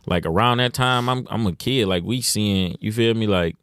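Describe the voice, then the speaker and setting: A man's voice: fairly low pitch, moderate pace, fairly bright tone, smooth, no room sound, studio quality. A young man from Detroit, a rapper talking as a podcast guest in laid-back slang, dropping "you know what I'm saying" often. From Detroit, USA. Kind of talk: casual interview.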